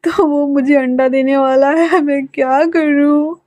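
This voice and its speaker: A woman's voice: little pitch movement, measured pace, mellow, no echo. A woman voicing a panicky, whiny young man who half cries as he frets. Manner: whining, half crying, high-pitched.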